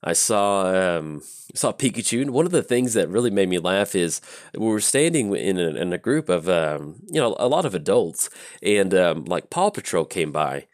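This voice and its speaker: A low-pitched man speaks at a moderate pace in a clean, echo-free studio recording. He hosts his own channel, chatting casually through a card game and wandering into rambling stories packed with fillers, all in a relaxed way.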